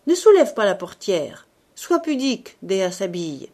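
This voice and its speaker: A woman voicing a grumpy, sardonic old male showman in an audiobook, talking loudly and blustering. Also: medium pitch, sing-song, measured pace. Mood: bossy. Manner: loud, blustering, exclamatory. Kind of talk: audiobook reading.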